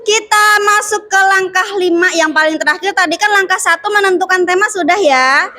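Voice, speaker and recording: A woman's voice: very high voice, a little fast. A woman teacher in a classroom, explaining steps to her students and teasing them with questions. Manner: lively, asks the class questions and teases. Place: school classroom.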